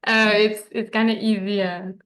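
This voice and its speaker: A woman's voice: mid-range voice, little pitch movement, normal speed. Woman with a French accent on stage. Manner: searches for English words, many fillers, soft laughs. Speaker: honoree giving a speech. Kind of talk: stage acceptance speech.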